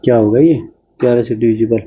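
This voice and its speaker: A man teaching exam-prep math, talking his way briskly through each problem in a chatty, informal way. His voice sits at a middle pitch. The recording is a little dull and lo-fi. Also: steady tone, slightly rough. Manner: brisk, chatty, talks while solving on screen.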